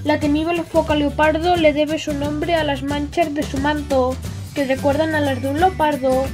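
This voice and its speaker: A woman's voice: high voice, little pitch movement, normal speed. A woman hosting a toy unboxing for children in an enthusiastic, sing-song manner. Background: music.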